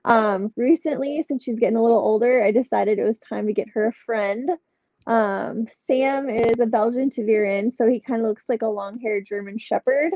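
Over a video call from her home, a middle-aged woman appears as a podcast guest, sharing stories in cheerful, casual interview chat. She speaks a little high at a moderate pace, captured by a webcam with no echo and dull, lo-fi sound.

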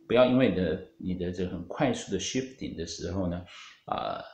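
A man with a fairly low voice and a Taiwanese Mandarin accent gives a guitar lesson. He explains patiently, with many fillers and a few English music terms. The room sounds roomy, and guitar music plays faintly at times. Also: a little fast, darkish tone, highs cut off. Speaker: guitar teacher.

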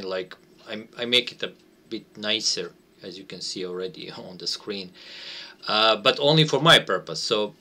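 In a small home room, a non-native English speaker who designs board games casually walks through a playtest without a script, hesitantly reaching for words. His voice is on the low side, bright and forceful.

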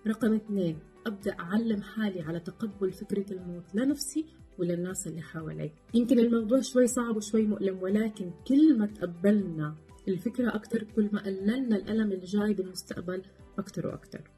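Fast, mellow-voiced woman giving advice. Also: mid-range voice, faint music behind. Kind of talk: reflective talk on coping with loss.

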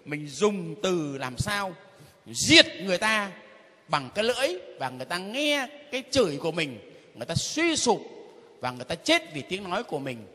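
Husky and fairly high with a sharp tone, a middle-aged man teaches catechism informally in a priestly manner, his sing-song voice swinging widely in pitch at normal speed. He emphatically repeats phrases and chuckles between points, the sound ringing with a long echo through the hall.

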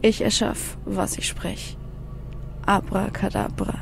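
A woman reciting her own spiritual text in a slow, dreamy, incantatory way, often dropping into a gravelly whisper. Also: a little high, fairly even intonation, mellow, slight background noise. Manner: slow, dreamy, incantatory, mixing in English phrases.

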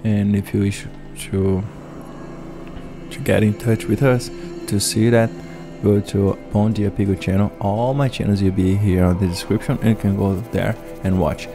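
Speaking halting, chatty English with Portuguese as his first language, a male gameplay host offers casual commentary on a video game in a very low voice with fairly even intonation. He occasionally starts sentences over, while loud game music runs under his narration.

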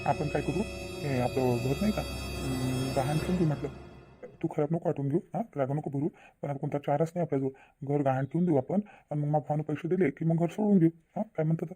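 A man voices a troubled, insistent middle-aged village father in a Marathi cartoon, speaking with a Vidarbha Marathi accent in an earnest, persuading way that sounds hesitant and worried. His fairly high, near-everyday voice moves fast over background music.

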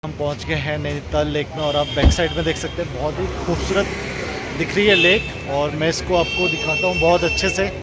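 A travel vlogger in his thirties with an Indian accent gives chatty tour-guide narration, mixing English words into his Hindi. His voice is on the high side, steady in tone and fairly quick. He films on a phone held at arm's length, first in a car, then outdoors by a lake and inside a wooden club, and the noisy recording picks up car and street sounds.

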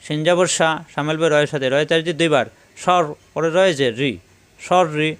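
A man teaching recitation step by step, spelling out letters slowly and then chanting the verses in long, drawn-out tones. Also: a little high, fairly even intonation, smooth.

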